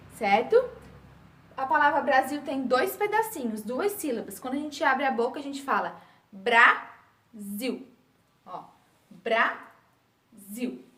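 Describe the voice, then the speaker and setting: A woman schoolteacher talks to small children in a high, bright voice, slow and sing-song, stretching her words out. Her voice rings in an echoey small room. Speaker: primary school teacher. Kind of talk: recorded remote lesson for young children.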